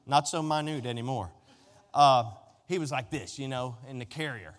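In this sermon, a middle-aged American pastor with a mid-range voice preaches at a moderate pace. He is conversational and emphatic, drawing on storytelling, repetition and rhetorical questions.

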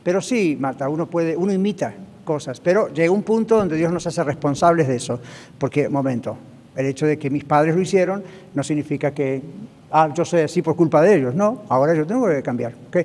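A man's voice: a little high, a little fast, darkish tone, long reverb tail, slight background noise. A man preaching a sermon, emphatic and often checking in with the congregation. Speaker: pastor. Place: church hall, also broadcast on radio.

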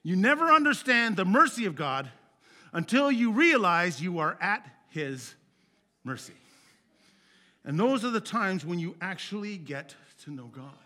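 This sermon comes from a very animated yet unhurried male preacher whose earnest, conversational delivery rises to loud peaks of emphasis before settling into quiet, low closes.

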